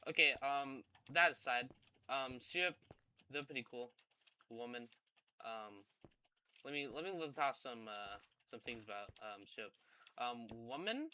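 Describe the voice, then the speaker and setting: A man's voice: mid-range voice, lively intonation, unhurried, slight background noise. A man telling a casual gaming story, rambling and hesitant with many ums and repeated words. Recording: loud keyboard typing and clicks behind.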